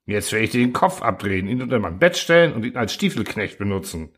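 A man voicing a sly, gleeful male robot constructor who mocks and coaxes in a raised, lively voice. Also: lowish voice, quick pace, husky, heavily acted. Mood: gloating. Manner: mocking, cheerful cruelty.

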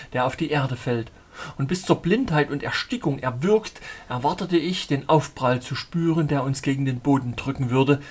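A man's voice: a little high, slightly rough. A man reading a first-person story aloud as an audiobook narrator, earnest and dramatic.

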